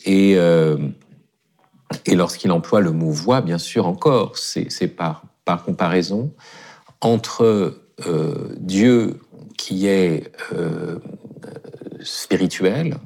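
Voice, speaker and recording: Gravelly, hesitant man philosophizing. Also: low-pitched, extremely slow, a little mellow. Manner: hesitant, many fillers and restarts. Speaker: philosophy guest. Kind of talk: radio philosophy discussion.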